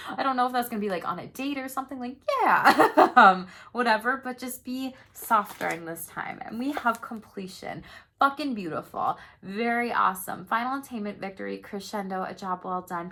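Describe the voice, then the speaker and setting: A woman's voice: mid-range voice, a bit bright, a little hiss or hum. A young adult woman giving a casual tarot reading to camera, chatty and upbeat, swearing easily and laughing often. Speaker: tarot reader.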